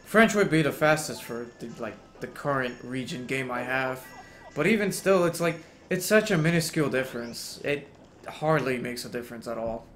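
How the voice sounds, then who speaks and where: A speedrunning man talks casually to his chat while playing. His voice swings widely in pitch, greeting viewers one by one and bursting into loud, excited reactions. Faint game music plays under him. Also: normal speed. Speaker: speedrun streamer. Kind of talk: casual live-stream chat while gaming.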